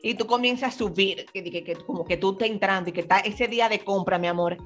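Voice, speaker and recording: A woman's voice: mid-range voice, fast talker, faint music behind. A woman on a casual panel chat, explaining her points at length and calling others mi amor. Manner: explanatory, agreeing, uses mi amor. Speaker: panel co-host.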